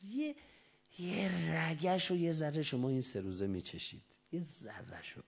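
A man's voice: fairly high pitch, very animated. Impassioned man preaching a sermon. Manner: impassioned, swinging between loud urging and soft whispers. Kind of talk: religious sermon to young retreat participants.

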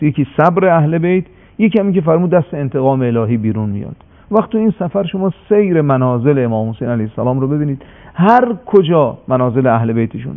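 A man giving a sermon-like religious story, impassioned and slowing down for emphasis on a radio broadcast. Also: a little high. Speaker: religious speaker. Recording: tinny phone-like radio broadcast.

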